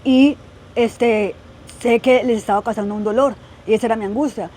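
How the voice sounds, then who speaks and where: A young woman recounts her own story in a podcast interview, earnest and a little hesitant, with many "eh" and "pues" fillers. Her voice sits fairly high. A faint hiss of noise runs under the recording. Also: steady tone, moderate pace, mellow. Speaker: guest sharing her testimony. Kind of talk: podcast interview, personal testimony.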